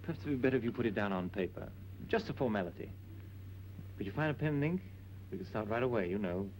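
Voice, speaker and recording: A slightly noisy old film recording of a plainclothes investigator. The man speaks fairly low, with courteous, businesslike understatement and a quietly probing manner. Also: animated, fast. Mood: politely probing.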